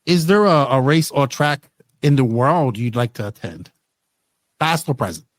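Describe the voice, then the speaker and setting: A man's voice: medium pitch, lively intonation, normal speed, no room sound. A man hosting a casual podcast, firing off chatty follow-up questions. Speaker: podcast host.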